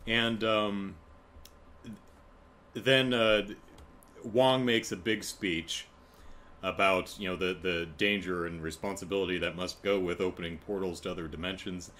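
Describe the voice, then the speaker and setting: A man's voice: sits low, steady tone, unhurried, a bit bright, a little hiss or hum. A man casually recapping a TV episode, rambling with many fillers and chuckling asides. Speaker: TV episode reviewer.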